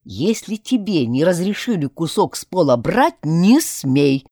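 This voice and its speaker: A woman voicing a gruff, stern male dog mentor in a storybook reading, talking slowly and growling. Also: fairly low pitch, big pitch swings, warm tone, no room sound, studio quality. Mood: scolding. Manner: slow, growling, scolding.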